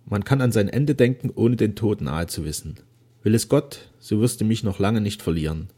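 A man's voice: lowish voice, animated, normal speed, warm tone, breathy edge. A man voicing an ailing old nobleman father, speaking solemnly and wearily in formal old-fashioned language. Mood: solemn remorse. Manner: solemn, weary, formal speech.

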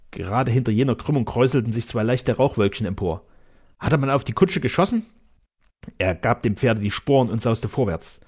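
A man narrating a classic adventure novel in a measured, steady storytelling manner. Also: mid-range voice, slightly rough. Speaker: audiobook narrator. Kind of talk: scripted narration.

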